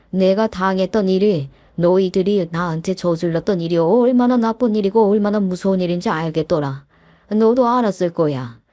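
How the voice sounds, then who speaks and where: A woman voicing a calm, deeply hurt middle-aged man who was bullied, speaking quietly, firmly and measured. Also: no room sound, lightly acted. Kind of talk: story narration with acted dialogue.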